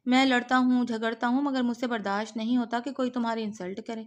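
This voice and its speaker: A woman's voice: on the high side, level tone, lightly acted. A woman voicing a brash, rich young university man in an audiobook reading, speaking earnestly and pleadingly.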